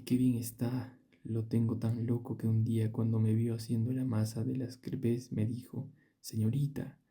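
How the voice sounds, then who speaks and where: A man's voice: medium pitch, vocal fry, mellow, husky. A man voicing a flighty, fickle young woman with a theatrical, wheedling way of complaining, in an audiobook.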